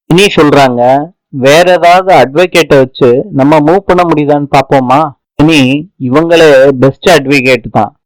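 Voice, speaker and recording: A man with a fairly high voice tells a serial's episode story in everyday colloquial speech. He reads out each character's lines himself, barely changing his voice. The recording is close and dry, with no room sound. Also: no room sound, rough recording. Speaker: serial recap narrator. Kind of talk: narrated episode recap, reading all characters' lines.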